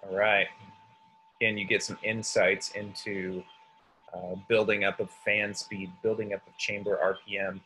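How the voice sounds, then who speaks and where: Low-voiced man demonstrating coffee roasting aloud. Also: flat delivery, moderate pace, bright, forceful tone, slight background noise, rough recording. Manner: thinking aloud, talks through numbers while working. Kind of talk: casual live demonstration.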